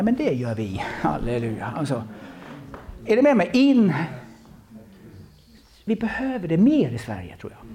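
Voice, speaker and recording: A man preaching a sermon, telling stories with many restarts and repeated words. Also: mid-range voice. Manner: animated storytelling with many restarts. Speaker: pastor.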